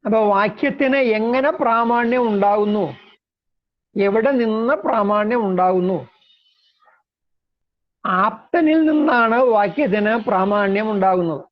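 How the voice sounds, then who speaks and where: A man lecturing on philosophy in a slow, measured way, explaining terms step by step. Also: sits high. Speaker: lecturer on Indian logic. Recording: dull lo-fi recording.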